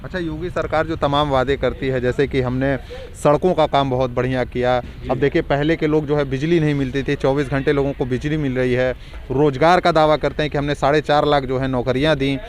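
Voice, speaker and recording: A man's voice: mid-range voice, steady tone, brisk. A man reporting on the street, asking probing questions of the people he interviews.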